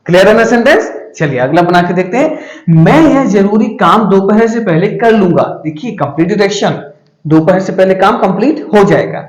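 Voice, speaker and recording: A man teaches a grammar class, asking questions and answering them himself. His pitch swings widely as he stresses words and slows down to dictate the example sentences. The sound carries a noticeable room echo. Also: expressive.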